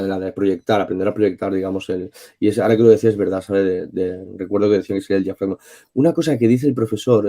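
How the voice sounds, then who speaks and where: A man's voice: fairly low pitch, mellow. A man hosting a podcast, asking long, hesitant questions in a casual way. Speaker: podcast host.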